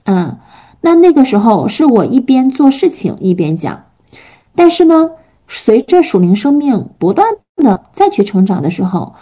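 Earnest woman preacher, dark husky voice. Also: fairly high pitch, sing-song, moderate pace, dull audio. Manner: earnest, gentle, with frequent fillers. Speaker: pastor's wife answering questions. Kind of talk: sermon and Q&A teaching.

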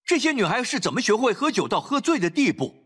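Highly animated and quick-paced, a husky-voiced pastor reads from scripture and exhorts parents during a sermon. He alternates between loud pleading and hushed, low remarks.

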